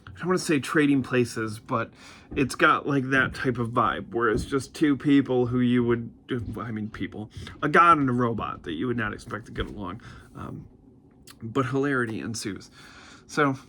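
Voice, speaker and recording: A man's voice: mid-range voice, normal speed, sharp tone, slight background noise. A man in his forties hosts a casual comic review vlog. He rambles with enthusiasm and uses many fillers. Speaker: comic book reviewer host.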